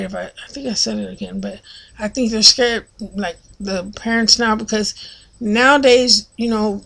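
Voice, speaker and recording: A fairly high-voiced woman chats to her camera in a loose, rambling way. She piles on fillers and restarts as she goes. When she acts out other people's lines, her voice turns loud and high. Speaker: vlogger. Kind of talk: casual storytelling monologue.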